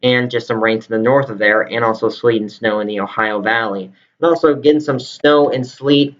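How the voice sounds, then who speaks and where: A man's voice: medium pitch, fairly even intonation, moderate pace. Man giving live weather commentary, muffled audio. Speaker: live severe weather forecaster.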